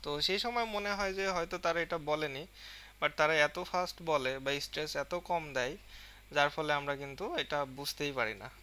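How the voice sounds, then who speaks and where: A man with a Bengali accent teaching an English lesson, reading English lines slowly and then explaining them in Bengali with many fillers. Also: fairly high pitch, pushed and bright, clean tone.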